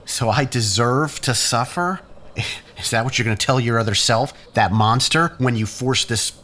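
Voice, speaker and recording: With faint background noise, a man with a medium-pitched, pushed and bright voice acts in an audio drama at a moderate pace. He plays an exhausted, agitated man in withdrawal who stammers, sighs, pleads and sounds bitter and self-pitying.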